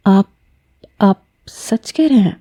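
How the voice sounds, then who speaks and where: A woman's voice: dark tone, no room sound, clean studio sound, natural voice. A woman playing a frightened young student. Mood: tearful pleading. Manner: pleading, breathless, higher voice.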